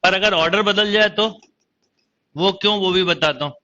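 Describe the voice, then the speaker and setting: Guy teaching math, high really bright voice, keeps asking the class questions, kinda dull lo-fi sound. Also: normal speed. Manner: explains step by step, quizzing students. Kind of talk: online exam-prep lecture.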